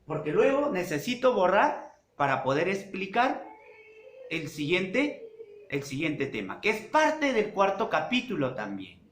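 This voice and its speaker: A man teaching a secondary school language class, speaking slowly and deliberately, repeating key terms and checking in with his students. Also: high voice, wildly swooping pitch, a little hiss or hum. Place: classroom with a whiteboard. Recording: echoey classroom.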